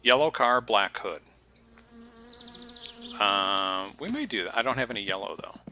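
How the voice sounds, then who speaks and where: A man's voice: fairly low pitch, expressive, a little slow, bright, forceful tone. Chatty man streaming a game, hissy mic. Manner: chatty, rambling, jokey asides. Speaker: gaming streamer. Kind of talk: casual gameplay commentary. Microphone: headset.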